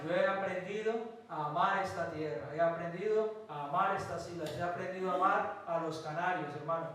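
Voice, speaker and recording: Male pastor from Colombia, higher voice, emphatic sermon delivery, recorded from a distance in a church hall. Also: a bit bright. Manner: preaching with emphatic pauses and rhetorical questions.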